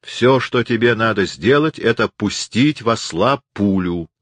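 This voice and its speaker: A man's voice: lowish voice, animated, a little slow, dry recording, pitched above the performer's own voice. A man voicing a self-assured young man in an audiobook, insistent and lecturing. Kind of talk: audiobook reading.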